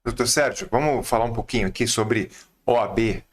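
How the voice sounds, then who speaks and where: A Brazilian man hosting a podcast interview, asking relaxed questions and adding brief affirmations. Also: medium pitch, a little fast. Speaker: podcast host.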